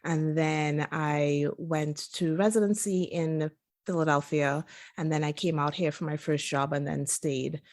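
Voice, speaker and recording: A woman's voice: low voice, fairly even intonation, unhurried, darkish tone. A woman from Trinidad and Tobago, a physician guest, chatting casually in an interview, laughing often and using lots of fillers.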